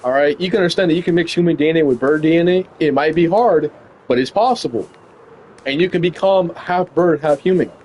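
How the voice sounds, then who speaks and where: A man's voice: fairly high pitch, a little fast, a little mellow, highs cut off, slight background noise. A young man streaming live, arguing with a chatbot in a casual, incredulous way, swearing a lot.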